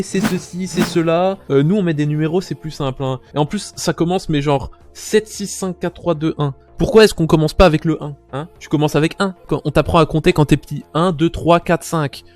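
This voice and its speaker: Belgian streamer, animated and sweary. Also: male voice, a little high, moderate pace, few pauses, faint music behind. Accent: Belgian French. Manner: animated, swears often, talks straight to viewers. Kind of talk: casual gameplay commentary.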